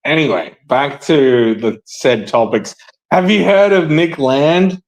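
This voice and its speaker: A man's voice: a little high, slow pace, poor audio. A man hosting a casual podcast chat, rambling and hesitant with many fillers and frequent laughs. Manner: laughs often. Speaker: podcast host.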